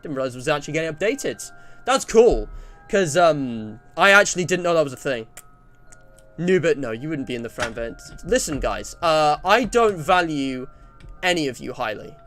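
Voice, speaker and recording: A twenty-year-old man from England, voice a little high and a bit bright, sounds very animated while speaking at a normal pace over faint background music. He chats casually on a livestream, reading survey and viewer messages and rambling with frequent self-interruptions.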